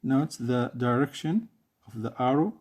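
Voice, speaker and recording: Slow, hesitant Saudi-accented male teacher. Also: medium pitch, lively intonation, darkish tone. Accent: Saudi Arabic. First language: Arabic. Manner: hesitant, many uh fillers, repeats each phrase. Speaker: English teacher. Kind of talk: classroom English lesson.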